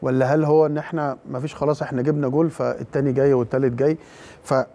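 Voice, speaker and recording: A man's voice: mid-range voice, steady tone, very fast, mellow. An Egyptian man with an Egyptian Arabic accent, a guest analyst breaking down a football match, hesitant, with many fillers and restarts. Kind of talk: studio sports analysis.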